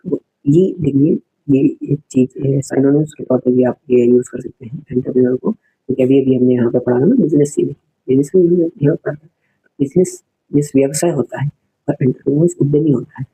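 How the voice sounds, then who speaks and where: A man's voice: medium pitch, fairly quick, dark tone, a little hiss or hum, poor audio. A man teaching an exam-prep spelling lesson, repeating each word, spelling it out letter by letter and explaining its meaning to viewers.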